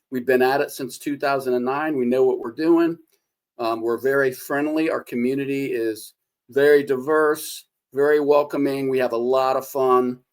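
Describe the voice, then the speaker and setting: A middle-aged man hosting a casual cooking vlog, talking in a relaxed, folksy way with many fillers, filming on a phone he holds. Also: mid-range voice. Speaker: fan forum founder and video host. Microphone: phone held by the speaker.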